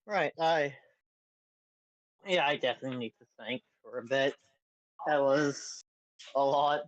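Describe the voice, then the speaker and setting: A man's voice: mid-range voice, unhurried, dry recording. A man playing a tabletop game, thinking aloud hesitantly. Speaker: player. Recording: dull lo-fi audio.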